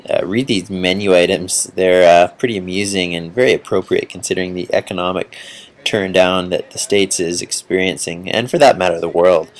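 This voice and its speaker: Laid-back man with a low voice. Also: steady tone. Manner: laid-back, unhurried, chatty. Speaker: video host and interviewer. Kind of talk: casual travel narration and interview.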